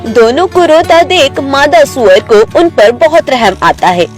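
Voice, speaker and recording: A woman narrating an animated children's story in a storybook manner. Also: high voice, soft background music. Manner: slow, storybook telling.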